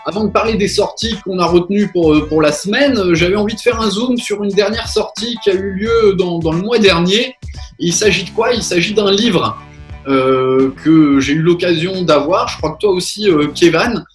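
A man hosting a radio chat show over a video call, talking casually with many pauses and restarts. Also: high-pitched, soft background music. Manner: hesitant, many fillers and restarts.

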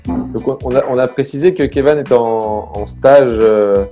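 A man talking casually over a video call, halting with many fillers. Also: medium pitch, dark tone, soft background music.

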